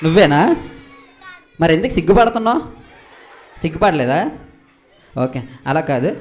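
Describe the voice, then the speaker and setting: A young man with a high voice leads a comic stage skit. He fires questions at his partner with lively exasperation and turns to the live audience now and then. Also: normal speed. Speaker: skit host and straight man.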